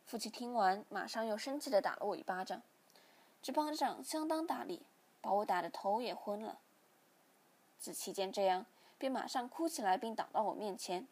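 A woman reading a story aloud, in steady, plain narration with a breathy voice. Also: medium pitch, normal speed.

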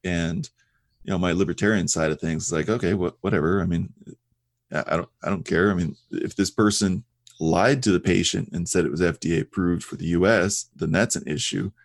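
Very low-voiced man talking casually. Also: brisk, no echo, studio quality. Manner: rambling, frequent fillers and restarts. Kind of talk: casual conversational discussion.

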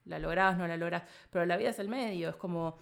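A woman from Argentina with a fairly low voice speaks with a clear Argentine accent. She muses through her answers in a casual interview and strings her thoughts together with lots of filler phrases. An occasional laugh slips into her talk. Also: quick pace. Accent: Argentine Spanish. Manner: rambling, thinks aloud with many filler phrases. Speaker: interview guest. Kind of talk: casual reflective conversation.

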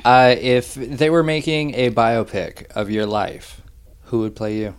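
A man's voice: mid-range voice, fairly even intonation, unhurried, smooth. A man hosting a podcast, asking casual interview questions in a laid-back, teasing way. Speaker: podcast host. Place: indoors at a dining room table at home.

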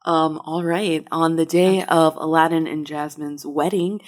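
A woman's voice: sits low, steady tone, measured pace. A woman chatting casually on a podcast, hesitant with many ums and uhs. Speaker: podcast co-host.

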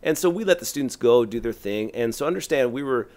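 A middle-aged man, a youth pastor, telling a long story on a podcast in a rambling, animated way full of "like". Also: medium pitch, fast talker. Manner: animated, rambling, heavy use of "like".

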